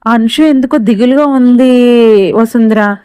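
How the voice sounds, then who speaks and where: A woman's voice: fairly high pitch, unhurried, warm tone, smooth, dry recording, close to an everyday voice. A woman voicing a loyal young housemaid who speaks deferentially. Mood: worried.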